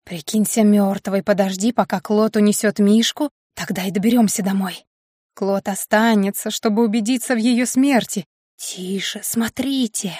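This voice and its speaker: A woman voicing a hushed scheming spirit. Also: medium pitch, steady tone, normal speed, no echo, studio quality, lightly acted. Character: scheming dark spirit voice inside a witch's head. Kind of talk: audiobook character reading.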